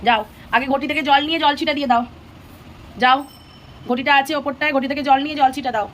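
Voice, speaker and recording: Mother vlogger, high voice, patient and repetitive, home recording with faint noise. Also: steady tone, fast talker. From Bengal. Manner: patient, repeating instructions gently. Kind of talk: home vlog narration and coaching a child. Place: home, indoors.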